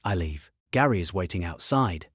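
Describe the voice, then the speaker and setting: Brief: male story narrator, husky tone, lively swinging pitch, dry close sound. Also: normal speed, dry recording. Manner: dry, deadpan delivery in short clipped sentences. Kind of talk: first-person story narration.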